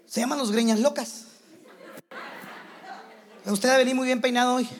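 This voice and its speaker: Pastor guy preaching, really high voice, lively, acts out little scenes. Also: some chatter behind, a little hiss or hum. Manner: animated, with quick acted asides in other voices. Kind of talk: sermon to church leaders.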